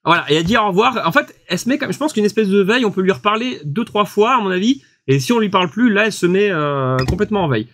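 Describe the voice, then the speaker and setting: A man hosting a casual product review, chatty and quick to laugh, with lots of fillers. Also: sits high, lively intonation, a bit bright, no room sound. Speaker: host testing equipment.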